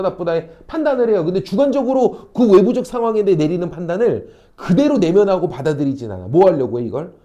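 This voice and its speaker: A male academy teacher lecturing high school students, animated and constantly checking in with questions. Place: classroom.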